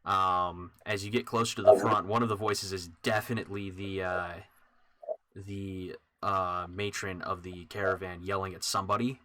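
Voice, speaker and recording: Bright-voiced man running a tabletop game. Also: sits low, moderate pace, a little hiss or hum. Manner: relaxed, many fillers. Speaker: dungeon master.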